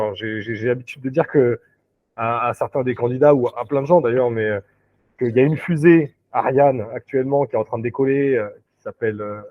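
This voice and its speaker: A male recruiter with a mid-range voice chats as a guest in a casual interview held over video call. He stumbles through fillers and restarts, and the tinny, dry audio carries no echo.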